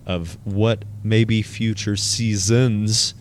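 Low-voiced joking podcast co-host man. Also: steady tone, very slow, a little hiss or hum. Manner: joking, self-deprecating, rambling with restarts. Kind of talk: casual chat.

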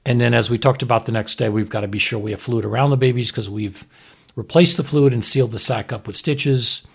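He talks briskly in a medium-pitched, steady voice with a creaky, husky texture. Hosting an easygoing podcast, the physician, a fetal surgeon, reviews a TV episode and explains the medicine in a chatty way, frequently checking with "right?"

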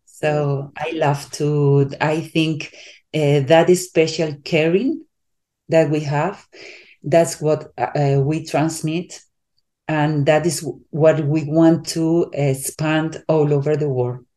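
Spanish-accented woman coach, slow and halting, warm mellow tone, casual interview guest. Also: low voice, fairly even intonation. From Spain. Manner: halting, searches for English words, many restarts.

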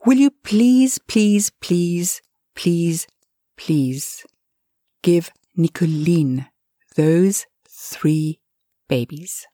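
A woman's voice: fairly low pitch, animated, slow pace, warm tone, no room sound, studio quality. A woman voicing an earnest woman writer who pleads heartfelt with storks in a storybook reading. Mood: pleading.

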